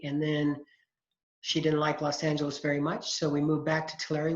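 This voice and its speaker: A college accounting instructor in his forties from California introduces himself to his class over a video call, relaxed and chatty with lots of fillers. His fairly high voice has vocal fry, and the computer mic audio is echoey and dull.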